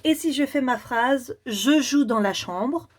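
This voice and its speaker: Slow-speaking woman teacher. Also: a little high. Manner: slow, deliberate, repeats syllables clearly. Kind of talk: children's reading lesson.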